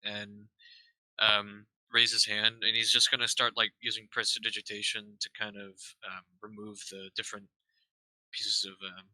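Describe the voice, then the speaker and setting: A man's voice: on the low side, level tone, normal speed, pushed and bright, no room sound, low-quality recording. A man playing a tabletop game, describing his character's actions and stammering with many fillers. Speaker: player.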